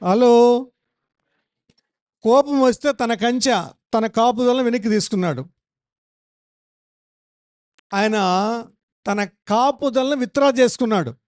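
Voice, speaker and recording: Male pastor, high pitch, emphatic teaching sermon with rhetorical questions. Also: a little mellow. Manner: emphatic, repeats phrases, asks the congregation questions. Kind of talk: Bible-study sermon.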